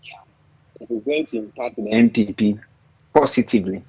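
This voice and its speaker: A man arguing insistently as a political commentator over a glitchy phone line whose pitch jumps up and down. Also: lively intonation, moderate pace, creaky, darkish tone, husky. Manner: argumentative, insistent. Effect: glitchy phone line, pitch jumping up and down. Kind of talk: heated political debate.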